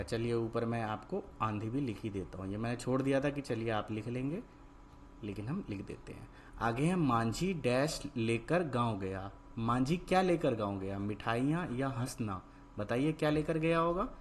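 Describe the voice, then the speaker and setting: A man's voice: medium pitch, slight background noise. Patient male Hindi tutor drilling words. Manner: repetitive questioning, patient drilling of each word. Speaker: Hindi teacher. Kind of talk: worksheet lesson, call and response.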